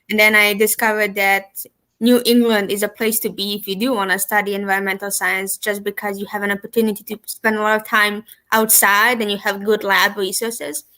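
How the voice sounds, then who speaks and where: A woman's voice: mid-range voice, pushed and bright. A young woman from Serbia, a university student, earnestly telling her story over a video call. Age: young adult. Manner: earnest, eager to share. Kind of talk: casual interview answers.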